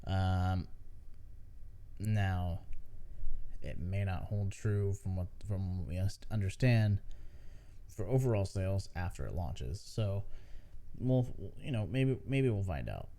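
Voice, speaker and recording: A man's voice: low-pitched, expressive, slow pace, dark tone. A tired man hosting a casual gaming news podcast, rambling with many fillers and restarts. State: tired, yawning. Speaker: podcast host.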